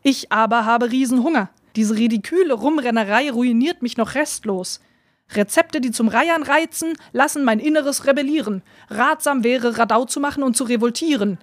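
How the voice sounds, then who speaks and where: A woman's voice: fairly high pitch, normal speed, no echo, studio quality, lightly acted. A woman voicing a complaining hungry rat in a tongue-twister story, rolling her Rs. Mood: whiny. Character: whiny hungry male rat.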